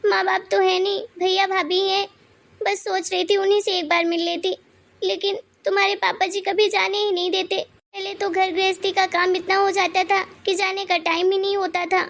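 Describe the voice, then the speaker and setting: A woman's voice: extremely high pitch, little pitch movement, normal speed, fairly bright tone. A woman voicing a timid older mother-in-law in a cartoon story, pleading meekly and tearfully. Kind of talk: cartoon voice acting.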